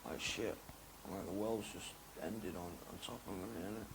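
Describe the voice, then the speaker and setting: Gravelly slangy man. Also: normal speed, noisy background. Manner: slangy, rambling, drifts between loud excitement and low mumbling. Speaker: interview guest. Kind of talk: candid interview talk.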